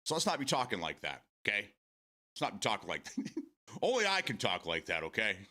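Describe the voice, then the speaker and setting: A man's voice: on the low side, huge pitch swings, brisk, pushed and bright. A man in his forties hosting a casual morning stream, rambling, repeating words and swearing casually as he answers viewer comments. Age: 40s.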